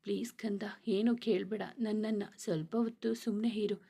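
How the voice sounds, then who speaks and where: A woman voicing a heartbroken young husband in a storybook reading, speaking in a hushed, tearful whisper. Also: medium pitch, fairly even intonation, normal speed, gravelly. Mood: remorseful.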